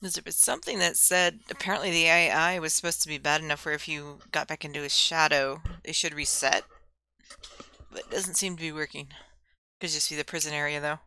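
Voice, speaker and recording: A hoarse woman with a scratchy voice, casually chatting and rambling through gameplay commentary. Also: low voice, steady tone, brisk, bright, forceful tone. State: hoarse from getting sick. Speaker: streamer.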